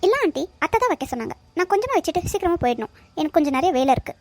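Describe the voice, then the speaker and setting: A polite young cartoon guest explaining in a hurry, voiced by a woman. Her voice is high. It is recorded dry. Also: big pitch swings, rapid-fire, no room sound.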